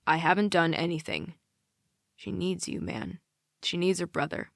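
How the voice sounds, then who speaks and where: Woman voicing a steady, protective teenage boy. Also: fairly low pitch, moderate pace, vocal fry, no echo, clean studio sound. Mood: calm.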